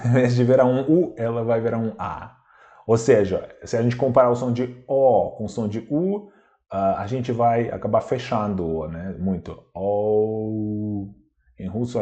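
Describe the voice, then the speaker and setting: A man teaching a language lesson, who speaks deliberately, repeats words to model their pronunciation, and asks rhetorical questions. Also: medium pitch, warm tone.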